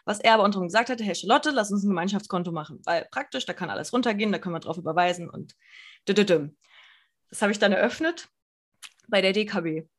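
A young woman in casual podcast chat, talking freely and poking fun at herself. She slips into a high, jittery voice when she retells her own nervous moments. Her tone is conversational and easygoing. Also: expressive, quick pace. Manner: chatty, self-deprecating, acts out her own nervous voice. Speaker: podcast co-host.

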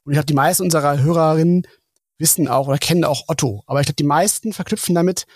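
A man hosting a podcast, his voice a little high and husky. He asks long, friendly questions and often affirms his guest. The sound is dry and close. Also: fast talker, no echo. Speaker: podcast host. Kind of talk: conversational podcast interview.

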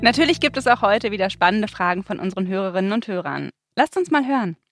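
Woman, children's podcast host, mid-range pitch, simple explanatory narration, playful exclamations, faint music bed. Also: very animated, quick pace. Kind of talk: kids show hosting, scripted narration and questions.

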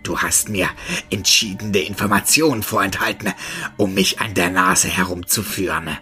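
A man's voice: deep voice, normal speed, sharp tone, soft background music, pitched below the performer's own voice. A man voicing a monstrous, paranoid old man who bellows accusations in a distorted voice. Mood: paranoid accusing.

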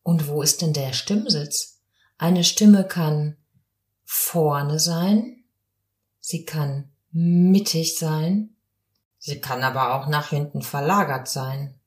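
Woman, voice coach, podcast lesson, slow and calm, echoey room. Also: low-pitched. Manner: calm, explanatory, demonstrates voice sounds.

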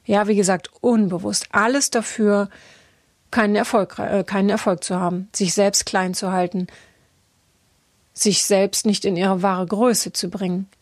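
A woman's voice: medium pitch, fairly even intonation, unhurried, dry recording, studio quality. A woman coach telling a story from her coaching sessions in a casual, chatty way, with many fillers and restarts, acting out the dialogue.

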